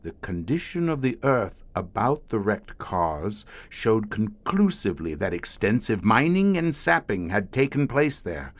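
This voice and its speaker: In this audio horror drama, the man voicing the grim scientist who heads a covert monster-hunting team is heavily acted, with a lowish, fairly bright voice and no echo. His delivery is deliberate, learned and brooding, like a storyteller's.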